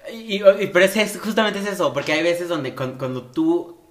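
Mexican man, podcast co-host, slightly high voice, animated, swears freely, casual chat. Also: a little fast.

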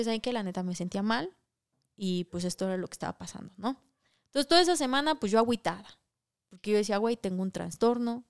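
A young woman with a Mexican accent, a podcast co-host telling a personal story in casual chat, full of crude slang and animated retellings. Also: mid-range voice, gravelly, clean tone.

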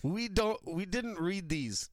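A man's voice: sits high, expressive, takes it slowly. A man chatting casually as a podcast co-host, with a self-deprecating manner. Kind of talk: casual chat.

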